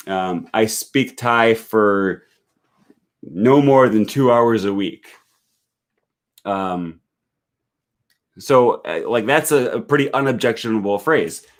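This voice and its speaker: Reading out viewer comments on his language-learning live stream, an American host thinks aloud, often using fillers and starting over. He speaks in a mid-range voice.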